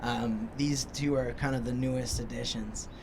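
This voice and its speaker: A man's voice: medium pitch, steady tone, moderate pace, crowd noise. A man from Ottawa, a band's singer, talking casually with fillers and jokes on a rooftop. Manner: rambling, joking, many fillers. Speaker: band singer and keyboardist. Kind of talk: casual interview. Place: outdoor rooftop.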